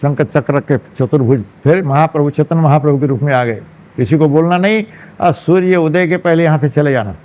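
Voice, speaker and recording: High-voiced man telling a devotional story. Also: brisk. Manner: lively narration with frequent prompting asides to listeners. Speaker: monk preacher. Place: temple hall.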